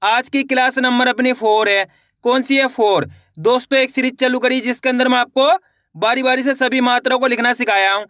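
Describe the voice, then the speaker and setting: A man teaching a beginners' writing lesson, asking his own questions and answering them, stretching out words slowly. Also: very high-pitched, pushed and bright, no echo, studio quality. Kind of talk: spoken Hindi writing lesson.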